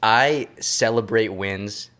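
Podcast host, man in his early thirties; low voice, reflective and laid-back. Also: takes it slowly, fairly bright tone. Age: 30s. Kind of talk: casual chat.

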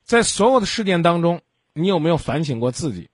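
A man's voice: on the high side, very animated, fairly quick, no room sound, studio quality. Blunt, scolding male radio host. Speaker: radio call-in advice host. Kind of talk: late-night radio advice talk. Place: radio studio. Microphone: studio microphone.

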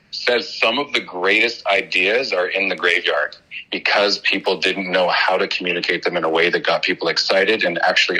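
A man answering podcast questions with energy and persuasion. His lowish voice has a very bright, forceful edge that cuts through each point. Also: breathy edge, poor audio. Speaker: guest speaker. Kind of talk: conversational interview answers.

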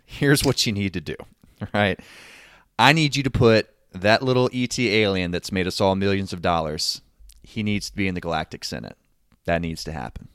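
A man's voice: sits low, normal speed, fairly bright tone, smooth, no echo, clean studio sound. A man doing a brash, pushy movie mogul. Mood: demanding. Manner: brash, demanding.

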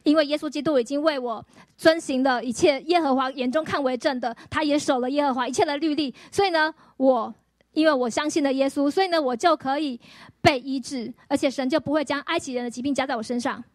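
Woman pastor, lively storytelling sermon, high voice, dry close sound. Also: fast, no room sound. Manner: lively, storytelling with acted-out quotes and rhetorical questions. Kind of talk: personal healing testimony sermon.

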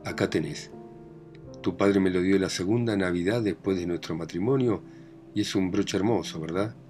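Over soft background music, a low-pitched man with a darkish tone and Rioplatense Spanish accent voices an overbearing older mother in a read-aloud play, at a moderate pace and lightly acted. She comes across as bossy and doting, scolding, proud, and meddling toward her grown family.

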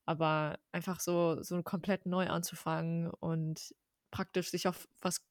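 Flat-voiced podcast co-host. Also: medium pitch, measured pace, dry recording, studio quality. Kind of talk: conversational interview.

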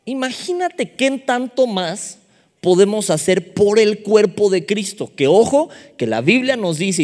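A man with a Mexican accent preaching a sermon, telling stories in a lively, humorous way. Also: high-pitched. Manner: lively storytelling with humorous asides. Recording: long hall reverb.

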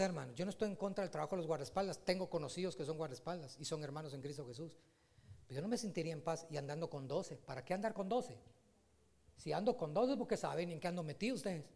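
A man preaching a sermon in an animated way, rising to loud, emphatic peaks. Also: high voice, creaky.

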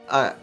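A man narrating as game master in a tabletop game, talking hesitantly with lots of fillers and laughs. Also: a bit bright.

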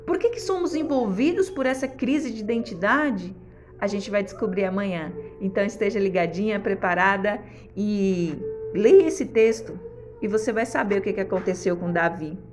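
A woman's voice: medium pitch, moderate pace, over music. A woman pastor, preaching a devotional sermon in a fervent, exhorting way with repeated refrains.

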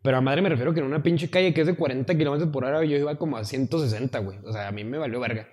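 A man with a Mexican Spanish accent telling a profane, animated story to friends on a podcast, acting out what others said. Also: medium pitch, rapid-fire, in a large hall. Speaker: podcast co-host. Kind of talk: casual storytelling among friends.

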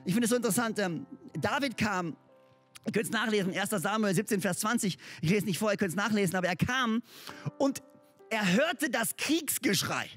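A male pastor giving a sermon in a high, husky voice. He speaks to the congregation in a lively, emphatic and chatty way, and soft music plays faintly behind him. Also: moderate pace. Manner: lively and emphatic, mixes in English words; conversational, speaks directly to listeners.

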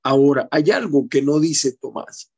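A middle-aged man, hosting political commentary, slow and digressive with wry asides. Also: medium pitch, steady tone, darkish tone, husky. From Venezuela. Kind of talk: commentary on a news clip.

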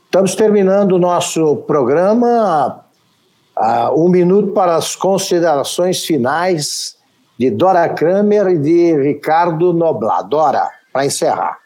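A Brazilian-accented man hosts a political talk show, offering opinionated, wry commentary. His voice is on the high side and warm, animated yet at a measured pace.

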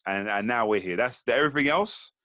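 A man co-hosting a podcast, telling stories in a lively, slangy way. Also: mid-range voice, fast talker, no room sound. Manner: animated storytelling, slangy. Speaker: podcast co-host. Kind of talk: casual podcast chat.

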